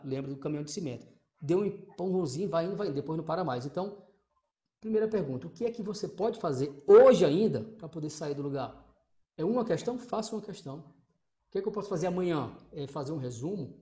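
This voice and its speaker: A man with a Brazilian accent giving an energetic motivational talk as a coach, emphatic, repetitive and swearing freely, asking rhetorical questions. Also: a little high. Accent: Brazilian Portuguese. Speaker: motivational coach for exam candidates.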